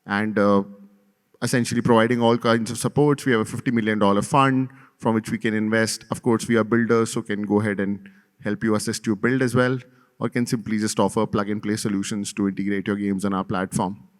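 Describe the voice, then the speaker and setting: A man from India, a co-founder, pitching his company on a conference panel. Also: little pitch movement, brisk. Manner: pitching, business-like. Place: conference hall. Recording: reverberant conference hall.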